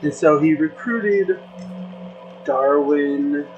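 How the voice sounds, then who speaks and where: Speaking at a medium pitch over music, a content creator rambles through a slow, casual chat full of filler words and restarts. The sound quality is lo-fi.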